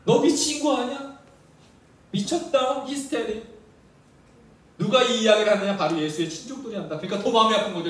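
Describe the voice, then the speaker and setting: A man's voice: a little high, a little hiss or hum. A man preaching a sermon as pastor, often asking the congregation questions. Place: church sanctuary. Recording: very echoey church hall, mic at a distance.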